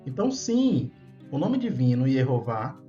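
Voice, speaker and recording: A man's voice: medium pitch, very animated, a little slow, dark tone. A man giving an explanatory lesson on Bible languages, patient and often checking in with listeners. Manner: patient, checks in with tag questions. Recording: dull lo-fi sound. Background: faint background music.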